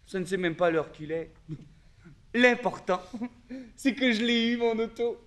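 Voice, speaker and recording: An actor playing an excited little boy on a theatre stage, gushing and giggling with delight. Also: high voice, a little slow. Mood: overjoyed. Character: excited little boy proud of new toy car. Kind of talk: children's theatre acting.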